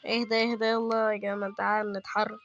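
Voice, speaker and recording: Egyptian-accented man, fairly high voice, gaming commentary, jumpy yelps, faint music behind. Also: fast, creaky, dull audio. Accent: Egyptian Arabic. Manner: excitable, yelps in sudden fright, chatty asides to viewers. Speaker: gaming YouTuber. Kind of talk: let's-play horror game commentary.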